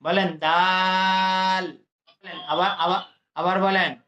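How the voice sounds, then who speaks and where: Male Quran teacher who drills letters slowly, with a bright, echoey sound and faint music underneath. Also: high voice, level tone, lo-fi sound. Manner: slow, drawn-out letter drills for students to repeat. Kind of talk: adult Quran reading lesson.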